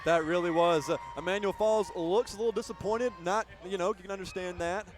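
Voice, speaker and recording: High-voiced fight commentator over music. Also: male voice, a little fast. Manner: relaxed, explanatory. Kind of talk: live sports commentary.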